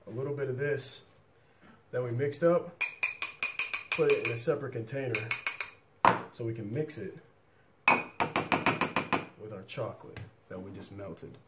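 A man's voice: mid-range voice, unhurried, long pauses. Swearing, chatty man in a noisy room. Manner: loose and chatty, swears casually. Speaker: cooking vlog host. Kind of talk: casual cooking demonstration. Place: small room, indoors, at a desk.

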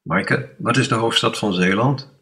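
A man's voice: mid-range voice, unhurried, bright, forceful tone, recorded from a distance. A man voicing a strict, impatient schoolteacher addressing his class. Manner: stern, scolding.

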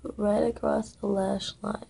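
Her mid-range voice is gravelly, mellow and slightly rough, fairly flat in pitch and a little slow. This young woman in her twenties, sniffly with a cold, chats casually and self-deprecatingly through a makeup tutorial, caught by the built-in webcam mic at arm's length in a small room.

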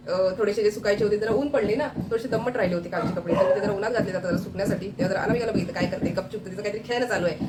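A woman hosts a casual family vlog from her home kitchen, speaking straight to the people watching. She talks fast and keeps up a chatty run of words, filling the gaps with fillers as she goes. Her phone picks up a clear layer of household noise all around her. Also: mid-range voice. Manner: chatty, addresses viewers directly, many fillers. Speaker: family vlogger. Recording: noisy home ambience.

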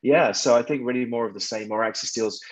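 A man, a company chief executive, answering business interview questions with energetic confidence, full of restarts and "you know". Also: medium pitch, quick pace, no room sound, rough recording. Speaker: company CEO, interview guest.

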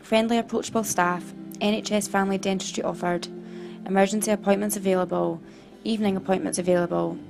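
Brief: woman, ad voice-over, gravelly and monotone, faint music underneath. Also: mid-range voice, fast talker. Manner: reads a list-heavy script with small stumbles. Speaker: voice-over for a dental clinic ad. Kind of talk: read-out advert.

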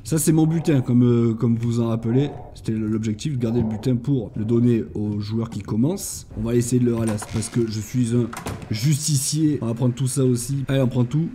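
A man's voice: mid-range voice, fairly even intonation, fairly quick, dark tone, a little hiss or hum. A man hosting a gaming channel, chatting casually and thinking aloud as he plays, with jokey asides. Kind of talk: casual let's-play commentary.

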